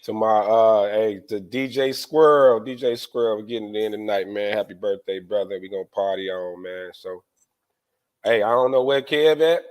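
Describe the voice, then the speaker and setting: A man's voice: fairly low pitch, normal speed, a little mellow. A man co-hosting a podcast, chatting loosely and informally with his friends. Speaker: podcast co-host. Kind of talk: casual chat among friends.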